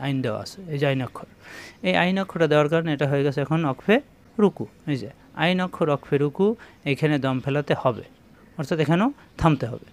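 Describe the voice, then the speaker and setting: A man teaching Quran reading, sounding out syllables slowly and repeating them, speaking directly to his viewers. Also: on the high side. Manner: slow, drawn-out demonstration of letter sounds, repeating syllables; addresses viewers directly with instructions. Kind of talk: spoken Quran reading lesson.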